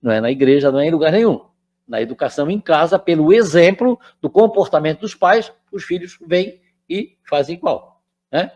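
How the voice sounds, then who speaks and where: Older guy giving a spiritist talk, pretty high voice, keeps asking the crowd if they follow. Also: expressive, brisk, a little mellow, dull audio. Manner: chatty, keeps checking in with the audience. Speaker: spiritist lecturer. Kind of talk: conversational spiritual lecture.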